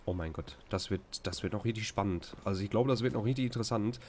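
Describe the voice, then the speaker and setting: Talking fast in a lowish, slightly mellow voice, a let's play commentator with a German accent rambles casually as he plays a video game. He frequently exclaims at what he sees. There's a bit of background noise.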